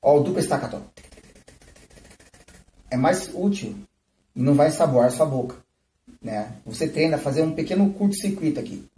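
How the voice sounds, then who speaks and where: Speaking at a moderate pace with long pauses, a man teaches a live flute lesson in a fairly high, expressive, dark-toned voice. He explains techniques, often adding "né?" and "tá?", and the stream is recorded at a distance with a roomy sound.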